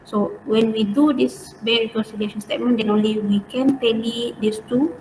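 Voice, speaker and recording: Speaking at a moderate pace with a slightly high, fairly even voice, a woman with a Malaysian accent teaches accounting online, step by step. Her casual Malaysian English drops in particles like "lah" and "eh," and the indoor class audio sounds roomy, distant and faintly noisy.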